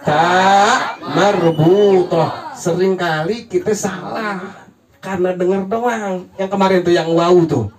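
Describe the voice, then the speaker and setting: A man's voice: high voice, measured pace, gravelly, crowd noise. A man teaching an evening Quran recitation lesson. He jokes and keeps quizzing his listeners with questions they answer together. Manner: jokey, quizzes the audience with call-and-response questions. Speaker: Islamic religious teacher. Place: study hall with a gathered congregation. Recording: congregation calling out answers in background.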